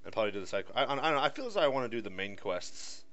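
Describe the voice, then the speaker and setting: A man's voice: mid-range voice, big pitch swings, racing, a bit bright. A man giving casual playthrough commentary, sardonic, complaining and sweary. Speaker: gamer. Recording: slightly dull lo-fi mic.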